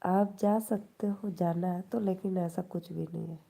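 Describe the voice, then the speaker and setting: Woman with awadhi accent, live-stream host, low dark voice, slow teasing chat. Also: steady tone, gravelly, slight background noise. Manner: teasing, chatty, laughs often.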